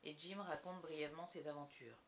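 A woman narrating an adventure novel aloud in a steady, clear storytelling voice. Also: low voice, normal speed, a little hiss or hum.

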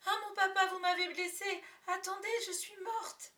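A woman voicing a little girl actress who plays a daughter on stage, with high, loud, theatrical cries, in a storybook reading. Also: normal speed. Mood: shrill.

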